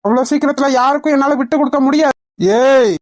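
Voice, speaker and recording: A woman's voice: fairly high pitch, brisk, a little mellow, no echo, clean studio sound. A woman voicing a firm, indignant young man who stands up for his family home in a cartoon. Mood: defiant. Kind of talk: cartoon dubbing.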